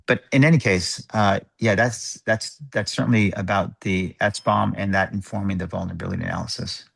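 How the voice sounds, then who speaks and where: A man chairing an online work group meeting, thinking aloud in a halting, measured way over a video call microphone. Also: lowish voice, steady tone, vocal fry, a bit bright.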